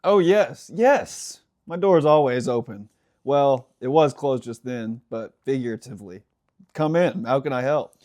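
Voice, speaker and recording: A man reading the part of a breezy male robot mission commander, a bit halting as he reads aloud. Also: mid-range voice, animated, a little mellow, natural voice.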